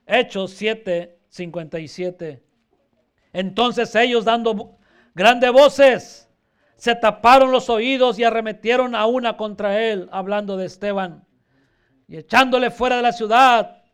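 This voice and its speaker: A man's voice: sits high, unhurried, fairly bright tone, smooth. A male pastor preaching a fervent sermon, repeatedly calling his listeners brother.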